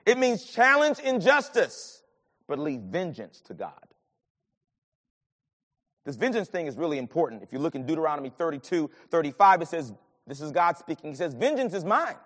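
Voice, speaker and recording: A man preaching a sermon and telling a personal story, swinging from low murmurs to loud bursts. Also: moderate pace. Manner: animated, swings from low murmurs to shouted lines. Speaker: pastor. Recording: long hall reverb.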